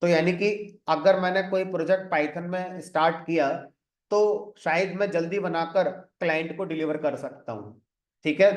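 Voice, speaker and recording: A man in a slightly high voice gives a classroom lecture on programming. He explains one point at a time and mixes English terms into his Hindi. The recording rings with a clear room echo. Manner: explains step by step, often adds "ठीक है" to check in. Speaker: programming teacher. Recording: echoey room.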